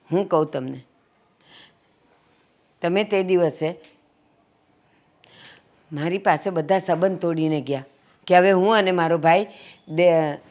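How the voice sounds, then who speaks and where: A woman's voice: fairly low pitch, natural voice. A woman playing an older mother who heads the family, making peace and lecturing earnestly. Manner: earnest, scolding when roused. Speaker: family matriarch. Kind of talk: family drama acting.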